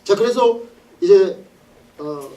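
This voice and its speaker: Lively male pastor, mic at a distance. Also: high-pitched, slow pace. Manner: animated storytelling, laughs often, acts out scenes. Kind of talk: sermon.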